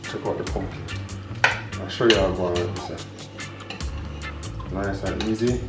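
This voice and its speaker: A man with a Jamaican accent hosting a relaxed cooking video, talking the viewer through each step and slipping into patois phrases. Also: low-pitched, unhurried. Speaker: home cook and vlog host. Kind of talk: casual cooking demonstration. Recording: echoey kitchen with background music.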